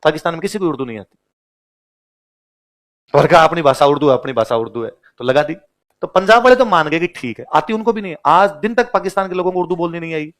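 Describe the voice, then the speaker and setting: A male history teacher lectures a class at a rapid clip, his voice sitting a little high. He fires questions back at his students to drill the facts in. Now and then he acts out what someone said in short bursts. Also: lively intonation, fairly bright tone. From Rajasthan, India. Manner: quizzes the class with repeated questions; acts out quoted speech in short outbursts.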